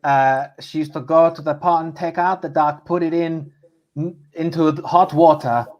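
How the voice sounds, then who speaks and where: A man playing a hesitant, dim nutritionist in improvised comedy, deadpan and speaking halting broken English. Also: a little high, lo-fi sound, natural voice. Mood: halting, solemn. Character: hesitant, dim nutritionist promoting an absurd diet.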